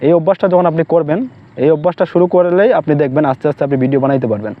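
Fast-talking man, rambling advice. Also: on the high side, phone-quality sound. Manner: rambling, repeats himself, many restarts. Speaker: vlogger. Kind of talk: casual advice to camera.

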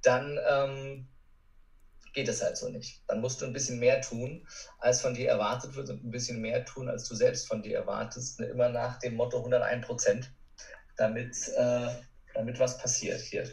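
A man who coaches people on courage appears as a podcast guest, addressing the listener head-on with informal, forceful encouragement. His medium-pitched voice is gravelly and a little mellow, delivered flatly at a moderate pace, picked up from afar with plenty of room echo.

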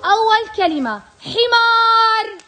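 A woman teacher, leading young children in an energetic call-and-response lesson and calling out loudly to them. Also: very high voice, takes it slowly. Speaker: kindergarten teacher. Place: classroom full of children. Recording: loud noisy classroom with chattering kids.

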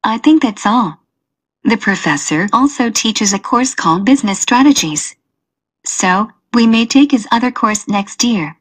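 A woman's voice: fairly high pitch, lively intonation, unhurried. A woman playing a friendly, curious college student in a scripted exam dialogue.

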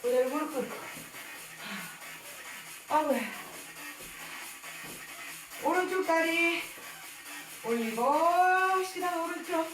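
A woman's voice: very high voice, measured pace, fairly bright tone. A woman leading a workout as an instructor, counting reps aloud in short, clipped commands and exhaling audibly between counts. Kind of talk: workout coaching with rep counting. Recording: roomy echo with music behind. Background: music.

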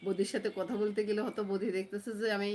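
A woman's voice: medium pitch, level tone, rapid-fire, a little mellow, slight background noise. Chatty middle-aged woman. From Noakhali, Bangladesh. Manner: chatty, often asks viewers "understand?". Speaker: vlogger. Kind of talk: casual chat to viewers. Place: home. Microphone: phone camera.

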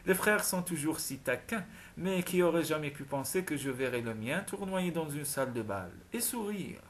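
A man reads as a lively young lady, curious and animated, her voice lifted a little. She gossips fondly about her brother in an audiobook romance. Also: fairly high pitch, moderate pace, a little hiss or hum, natural voice. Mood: amused. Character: lively young Scottish sister, surprised.

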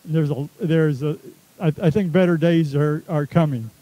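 A man from Texas tells rambling, self-deprecating stories at a ceremony in an outdoor stadium. His voice sits a bit high but sounds dark and mellow. He talks through a stadium microphone. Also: normal speed, no room sound, rough recording. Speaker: athletics director. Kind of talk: casual speech at a ceremony.

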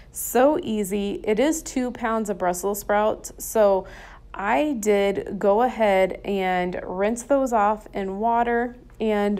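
A woman's voice: mid-range voice, a little mellow. Chatty woman narrating home cooking. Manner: chatty, enthusiastic, folksy. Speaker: cooking vlogger. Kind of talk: casual cooking voice-over. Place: home kitchen.

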